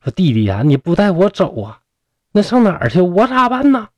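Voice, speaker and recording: A man's voice: mid-range voice, big pitch swings, brisk, dark tone, breathy edge, dry recording, muffled recording. A man with a Northeastern Mandarin accent voicing a distraught young wife who pleads and scolds. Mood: pleading.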